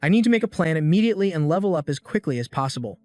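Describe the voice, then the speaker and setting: A man's voice: a little high, very animated, very fast, a little mellow, no echo, soft background music. A man voicing a determined, defiant young male student in a recap story. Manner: resolute, defiant.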